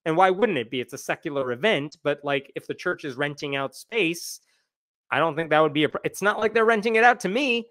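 A man in his forties hosting a casual commentary livestream from a small room, animated and sarcastic, gesturing as he talks. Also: a little high, a little fast, no echo, studio quality. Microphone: wired earbuds with dangling mic and desk mic.

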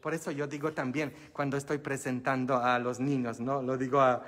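A priest whose first language isn't Spanish gives a humorous sermon during a live-streamed Mass, joking and quizzing his congregation. His mid-range, slightly bright voice moves little in pitch and keeps a normal speed, with long church reverb in the recording.

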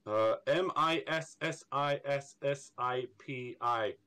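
This young Irish man, an artist being interviewed, talks in a smooth mid-range voice that is pushed and bright, taking things slowly. His accent leans slightly American, and his relaxed chat is full of rambling, stammering and regular laughs.

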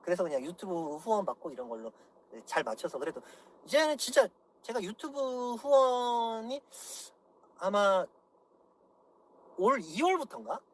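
A political YouTuber in his thirties, voice sitting high and very animated at a moderate pace, fills his livestream with a profane, angry rant, lecturing viewers and repeatedly asking "예?".

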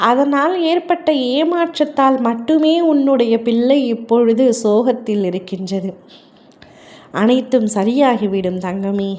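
A woman delivering a devotional message in a deity's voice, tender and consoling as she speaks slowly and earnestly to a worried listener. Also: a little high, a little mellow. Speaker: devotional narrator. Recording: dull lo-fi recording.

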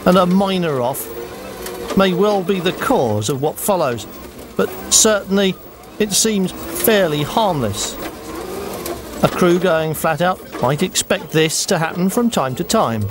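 A male narrator reads a scripted voice-over with measured, wry timing. His voice sits a touch high. Engine noise runs clearly under his words. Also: animated.

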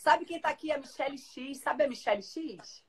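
A woman in her forties hosts a casual livestream from her living room, speaking into a phone camera held at arm's length. Her voice sits high and keeps a moderate pace. Chatty and lively, she reads viewer comments out loud.

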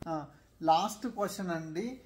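A man co-hosting a casual vlog with his wife, calmly reading out viewer questions. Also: fairly high pitch, a little slow, slight background noise. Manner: calm, reads out viewer questions. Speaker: co-host, husband.

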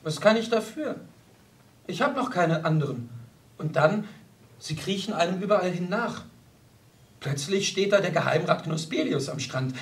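A weary, elegant young countess, voiced by a male audiobook reader. She speaks softly and wistfully, her voice pitched high and swinging widely in melody. The mic sits at a slight distance. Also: expressive, normal speed, pauses often. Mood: dreamy. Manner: soft, tired, wistful. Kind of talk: audiobook character voice.

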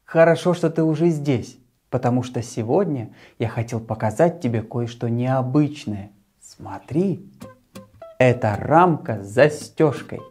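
A man in his thirties presenting to a young child as a children's show host, speaking in a friendly, simple and deliberate way into a lapel mic. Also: mid-range voice, lively intonation, a little mellow, soft background music. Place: small furnished room, later a martial arts hall.

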